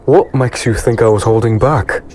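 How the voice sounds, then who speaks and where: Over a music bed, a man with a mid-range, darkish voice close to everyday speech plays an easygoing, teasing swordsman hero in an audio drama. At a normal speed, he delivers dialogue and first-person narration in a wry, relaxed, conversational way.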